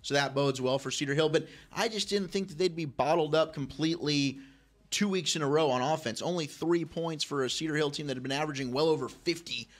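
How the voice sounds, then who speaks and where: A man giving emphatic, opinionated high school football analysis in a studio. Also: brisk. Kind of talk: sports analysis.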